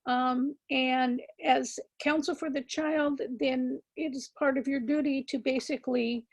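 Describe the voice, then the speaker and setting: Speaking to a room of attorneys, a high-voiced woman with a scratchy quality gives a legal continuing-education lecture. Her intonation stays fairly even, her delivery measured and emphatic, with frequent ums and repeated words for emphasis.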